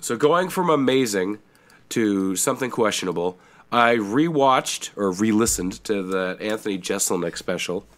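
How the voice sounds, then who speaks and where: Here a young Canadian man, one of a podcast's co-hosts, talks at a moderate pace in a voice on the low side. The chat is laid-back, and he's animated, swearing often and dropping into silly voices.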